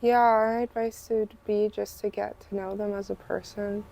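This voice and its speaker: A woman being interviewed on a podcast, speaking in a flat, heavily gravelly voice. Her tone is dark and mellow, and she keeps her replies quiet, plain and brief. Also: mid-range voice, moderate pace. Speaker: podcast guest. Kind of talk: casual interview chat.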